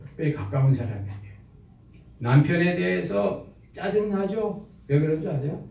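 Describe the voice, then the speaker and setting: A man's voice: high voice, expressive, normal speed, gravelly, warm tone. A male pastor preaching a sermon in a church sanctuary, emphatic and full of rhetorical questions to the congregation. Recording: echoey church hall, mic far off.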